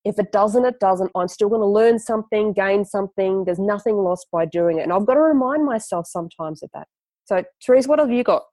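A woman's voice: medium pitch, a little fast, dark tone, no echo. Dry-sounding woman, encouraging podcast co-host. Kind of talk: casual chat.

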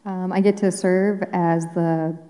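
A woman giving short interview answers in a soft-spoken way. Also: fairly low pitch, level tone, takes it slowly. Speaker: interview guest, church AV director. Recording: reverberant hall.

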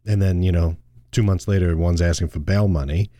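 A man's voice: deep voice, fairly even intonation, brisk, dark tone, dry recording, clean studio sound. A middle-aged man who is a financial advisor and host, chatting casually on a show with frequent restarts and laughs. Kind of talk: casual radio show chat.

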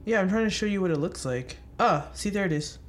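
A woman's voice: mid-range voice, animated, fairly quick. A woman co-hosting a podcast, chatting casually into a microphone with playful teasing. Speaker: podcast co-host. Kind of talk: casual chat. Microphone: studio microphone.

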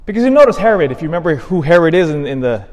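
Priest with cathedral echo. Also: male voice, on the high side, big pitch swings, a little mellow. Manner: measured reading, then emphatic rising stresses. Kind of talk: Gospel reading and homily at Mass. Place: large church. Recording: long reverb of a large church.

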